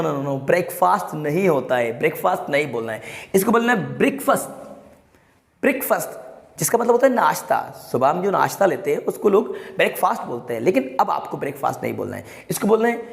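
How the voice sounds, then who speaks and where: A man teaching English pronunciation to viewers, emphatic and repetitive, drawing each word out slowly and urging everyone to say it with him. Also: fairly high pitch, vocal fry. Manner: addresses viewers as guys, coaxing them to repeat. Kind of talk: classroom-style pronunciation lesson. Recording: echoey room with long reverb.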